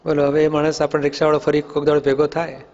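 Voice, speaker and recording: In an echoey hall with dull sound, a man's slightly high, monotone voice moves quickly with a touch of mellowness. He is a spiritual teacher running a Q&A talk for young people, questioning them patiently and using everyday examples.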